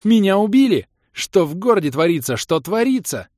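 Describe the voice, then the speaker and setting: A man reading an audiobook, voicing a panicked young sorceress who shouts frantically. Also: medium pitch, sing-song, normal speed, breathy edge, no room sound, clean studio sound.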